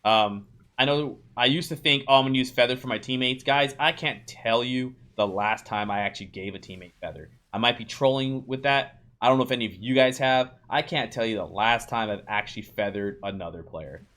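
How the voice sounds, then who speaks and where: A man records a casual voice-over tutorial for a video game, talking loosely and chattily to his viewers as "you guys," with plenty of ums, uhs and restarts. He's a game guide creator and streamer whose mid-range voice moves at a moderate pace and sounds a bit bright.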